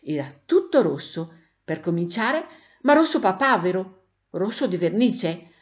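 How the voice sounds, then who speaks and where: A woman tells a children's storybook with animated expression. Her pitch swings in lively arcs through each sentence. The recording sounds muffled and lo-fi. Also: unhurried. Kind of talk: storybook read-aloud narration. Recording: dull lo-fi recording.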